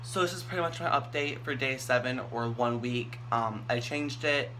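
A young man talks casually as a vlogger. His voice is bright and sharp at an average male pitch. He is recorded in a small bathroom at arm's length, with some background noise. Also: normal speed, low-quality recording. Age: young adult. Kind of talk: casual chat.

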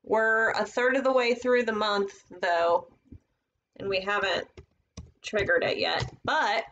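Woman walking thru trading charts on a live stream, slow and relaxed, kinda thinking out loud at her desk. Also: mid-range voice, lo-fi sound, slight background noise. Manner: casual, thinking aloud while drawing on charts. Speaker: trading educator.

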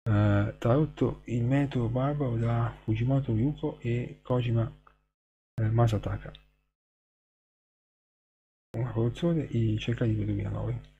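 Gravelly low-voiced man over a humming noise. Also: steady tone, a little slow, long pauses, mellow, highs cut off. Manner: reads short poems aloud and counts syllables, hesitant. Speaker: streamer. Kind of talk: casual live-stream book talk. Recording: noisy hum behind the voice.

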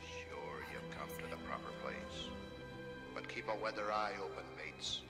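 An actor playing a gruff old ghostly pirate in a video game, with a gravelly voice like an old fisherman and salty sailor talk, ominous yet inviting. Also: sits low, animated, unhurried, full character voice. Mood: ominous welcome. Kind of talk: theatrical video game narration. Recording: loud music over the voice. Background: loud game music.

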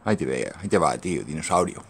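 A man with a Catalan accent, recorded on a phone outdoors, talking to himself in a gravelly, creaky voice. He keeps repeating himself, mutters under his breath and often sinks into whispers. Faint noise sits under the recording. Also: rumbling low, expressive, fast talker, fairly bright tone. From Maresme, Catalonia. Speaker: amateur filmer. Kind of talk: casual commentary while filming. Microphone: phone camera.

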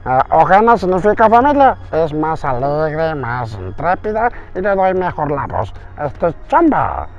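A man voicing a cheerful, lively male alien creature in a bouncy, high-pitched, excited way. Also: unhurried, few pauses. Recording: dull lo-fi sound.

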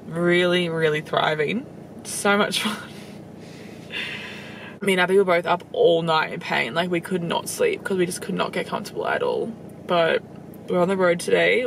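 Her voice is on the low side and creaky: a young Australian travel vlogger in her twenties chatting casually to a handheld camera or phone. Filmed in the car and outdoors on a road trip, she fills her speech with "like" and other fillers. Vehicle and outdoor noise run through the clip.

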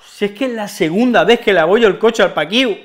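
A man voicing a young Spanish guy who has dented his friend's car. He speaks with a Spain accent in a raised voice, rushing through rambling, slangy explanations. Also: high-pitched, fairly bright tone, slight background noise, voice pushed up. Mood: sheepish.

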